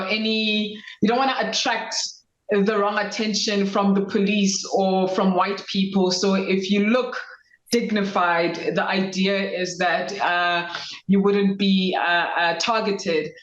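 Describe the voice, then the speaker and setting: A woman's voice: mid-range voice, muffled recording. South African woman, reflective and roomy. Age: 30s. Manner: reflective, measured storytelling. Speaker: guest lawyer. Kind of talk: interview conversation.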